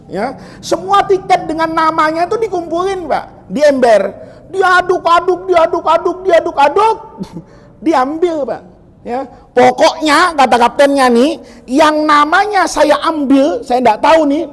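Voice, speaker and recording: Preacher, animated and joking, big reverberant mosque hall. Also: male voice, very high voice. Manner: joking, storytelling, acts out quotes. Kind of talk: humorous mosque sermon.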